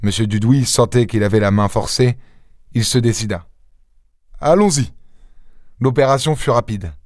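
A man narrating a classic literary tale in a steady, expressive storytelling manner, as an audiobook narrator. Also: fairly low pitch, brisk, no echo, clean studio sound.

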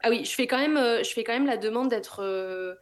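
A young woman from France recounts her own experience in a chatty, animated way, with her voice sitting on the high side. She peppers her speech with fillers and slangy asides as she goes. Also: a little fast. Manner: lively, colloquial, frequent fillers, laughs while telling. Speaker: podcast guest. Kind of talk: casual personal storytelling.

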